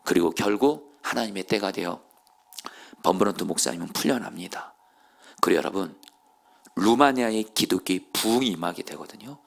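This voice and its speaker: A man preaching a sermon as pastor at a Friday evening church service. He tells a story and speaks straight to the congregation, dropping to hushed near-whispers and then rising to loud, impassioned appeals. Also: low-pitched, animated, normal speed, gravelly. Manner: storytelling, addresses the congregation directly.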